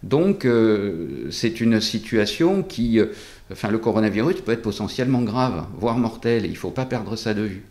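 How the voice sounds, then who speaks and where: A man speaking through a face mask as a doctor in an interview, explaining things deliberately with hesitant pauses. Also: on the low side, lively intonation, a little mellow. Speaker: doctor at a local practice being interviewed.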